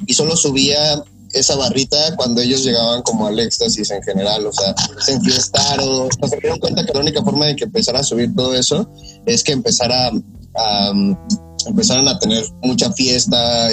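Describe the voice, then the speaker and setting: A man with a Mexican accent talks as a podcast host in an informal, slangy way. His voice sits at an average male pitch. Faint guitar music plays behind him. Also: low-quality recording. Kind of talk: casual chat.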